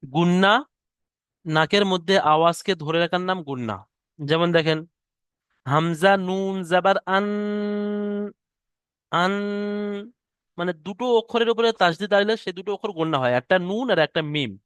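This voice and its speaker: Man, online class teacher, smooth clear voice, dry close sound. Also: sits high, fairly bright tone, no echo. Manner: slow, drawn-out demonstration of letter sounds. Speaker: Quran reading teacher. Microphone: headset or computer mic on an online class call.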